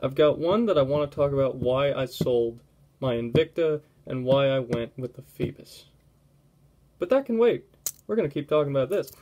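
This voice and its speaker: A young man giving a casual watch review at home, relaxed and rambling, often breaking off mid-thought. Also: mid-range voice, moderate pace. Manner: relaxed, rambling, self-interrupting. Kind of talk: casual product review vlog.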